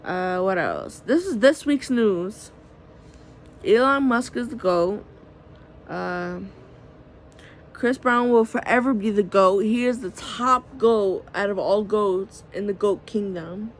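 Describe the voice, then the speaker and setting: A woman's voice: medium pitch, slow, a little hiss or hum. A woman vlogging at home late at night into her phone camera, rambling candidly, peppering her talk with "like" and swearing freely. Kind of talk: casual late-night vlog monologue.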